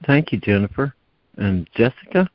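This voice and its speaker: A man leading a reading group over a video call, talking in an easygoing way with pauses and fillers. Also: lowish voice, very animated, no room sound. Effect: heard over a video call. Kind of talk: casual group facilitation. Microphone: computer or headset mic on a video call. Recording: dull lo-fi video call audio.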